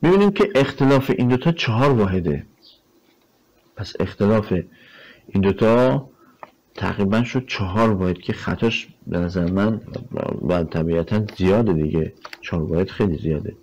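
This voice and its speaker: Low-voiced man teaching a math lesson. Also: lively intonation, a little mellow, dull audio. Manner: conversational, asks rhetorical questions, frequent fillers; explains step by step while drawing on a board. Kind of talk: recorded online lecture.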